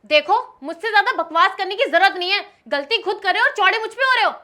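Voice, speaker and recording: An actress playing a quick-tempered young woman arguing with her live-in partner, sharp and scolding. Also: very high-pitched, expressive, exaggerated voice. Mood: angry. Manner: sharp, scolding, turns to pleading. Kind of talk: scripted short-film acting.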